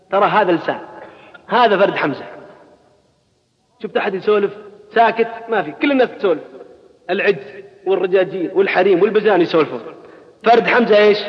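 A man preaching a colloquial sermon, swinging into loud exhortation, recorded at a mosque gathering. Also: high-pitched, long reverb tail, dull audio.

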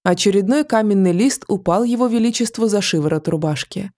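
A woman reading a fantasy audiobook in a measured, even storytelling manner. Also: medium pitch. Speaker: audiobook narrator. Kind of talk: scripted fantasy narration.

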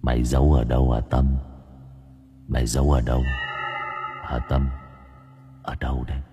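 A man doing a deep, murmuring ghost voice. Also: flat delivery, normal speed, in a large hall, music in the background. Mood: menacing. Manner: low murmuring, accusing. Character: menacing ghostly male voice whispering accusations.

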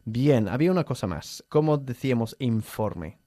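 A man's voice: medium pitch, lively intonation, moderate pace, warm tone, no room sound. Patient male English tutor, dry sound. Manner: patient, corrects pronunciation; switches between Spanish and English. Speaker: English teacher. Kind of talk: language lesson drills.

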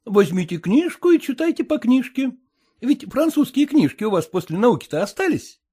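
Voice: medium pitch, very animated, normal speed, mellow, slightly rough. Reader doing a sulky, offended young bride. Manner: haughty, sulky replies.

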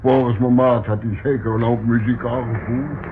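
In a radio play, an actor voices a plain-spoken, helpful working man with a homely, slightly hesitant manner and a matter-of-fact mood. His mid-range voice has fairly even intonation, a moderate pace and a lightly acted quality. The old radio recording is tinny and faintly noisy.

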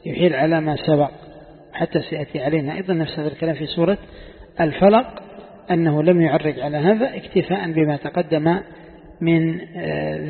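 High-voiced sheikh teaching in an echoey hall. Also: male voice, creaky. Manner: quizzes students, repeats phrases for emphasis. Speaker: sheikh teaching Quran commentary. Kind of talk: classroom lesson. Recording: tinny phone-like sound in a long-reverb hall.

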